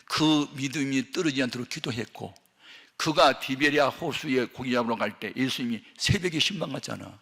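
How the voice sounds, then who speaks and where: An older man preaching a sermon as a pastor, telling a story with lively acted-out voices and sudden shouts. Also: medium pitch, a little fast, creaky, breathy edge. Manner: animated, acts out dialogue, shouts at peaks. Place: large church hall. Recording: long hall reverb.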